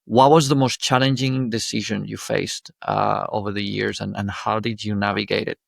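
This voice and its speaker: Male podcast host, Spanish accent, low gravelly voice, dry close sound. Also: flat delivery, no room sound. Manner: halting, many restarts, friendly. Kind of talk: casual interview talk.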